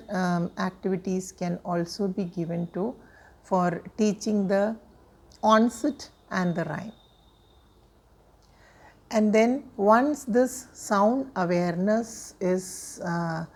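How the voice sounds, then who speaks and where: A woman lectures teachers on how children learn to read. She explains each step in a measured, patient way, pausing on frequent fillers as she gathers her thoughts. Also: medium pitch, a little mellow. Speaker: teacher trainer.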